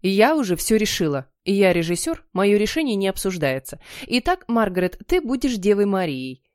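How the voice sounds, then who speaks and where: A woman's voice: medium pitch, big pitch swings, normal speed, darkish tone, no room sound, studio quality, lightly acted. A woman voicing a stern, bossy schoolteacher in an audiobook, giving orders that brook no argument. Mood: commanding.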